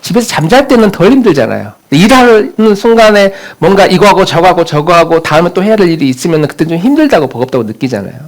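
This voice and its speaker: A man's voice: high-pitched, sing-song, fast talker, few pauses. A man preaching a sermon as pastor in a church, talking conversationally and putting questions straight to the congregation.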